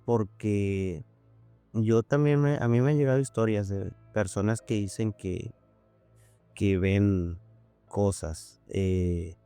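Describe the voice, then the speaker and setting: A man's voice: on the low side, slow, mellow, clean tone, faint music behind. A man hosting a podcast, talking thoughtfully and hunting for words with lots of fillers. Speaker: podcast host. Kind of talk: casual chat.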